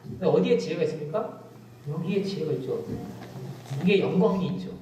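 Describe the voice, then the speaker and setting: Animated pastor preaching in an echoey church. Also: male voice, on the high side, brisk, a little hiss or hum. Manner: storytelling, animated emphasis with sudden drops to quiet. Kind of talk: sermon. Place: church sanctuary. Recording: very echoey church hall, distant mic.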